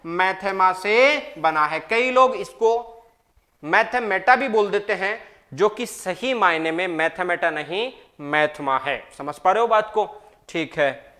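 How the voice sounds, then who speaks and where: A man with a high voice gives a maths exam-prep lecture at an unhurried pace. He poses questions to his students and answers them himself. He repeats each key point slowly so it sticks. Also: pushed and bright. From Rajasthan, India. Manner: calls listeners "bhai". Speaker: maths teacher.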